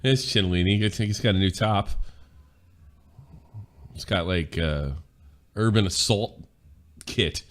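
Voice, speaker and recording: A man's voice: lowish voice, slow, long pauses. A man hosting a gaming stream, giving laid-back, playful play-by-play commentary. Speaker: host and game commentator.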